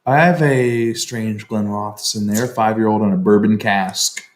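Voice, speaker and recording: A man co-hosting a casual chat, blunt and quick to swear. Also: on the low side, steady tone, echoey room. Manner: blunt and profane. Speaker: co-host.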